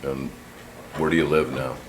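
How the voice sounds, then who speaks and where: A man's voice: very deep voice, fairly even intonation, moderate pace. A man serving as the plaintiff's attorney, questioning a witness in a courtroom with patient, plain questions and small restarts. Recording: echoey courtroom audio with background noise.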